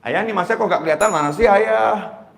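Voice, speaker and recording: Brief: impatient little boy, whiny and nagging, done by a man, slightly raised pitch, echoey hall. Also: a little fast, creaky. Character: impatient small boy nagging his father. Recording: roomy echoing hall.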